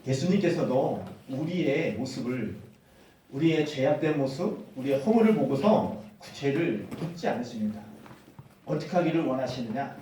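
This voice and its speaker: A male pastor preaching a sermon as animated storytelling, acting out the quotes. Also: mid-range voice, normal speed, slight background noise. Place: church hall. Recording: echoey hall from far off.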